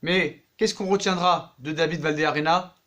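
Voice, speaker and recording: A man's voice: on the high side, moderate pace. A man talking casually about football transfers in a vlog, acting out the people he talks about, with slangy jokes. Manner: animated, acts out the people he talks about, jokey street slang. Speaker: football vlogger.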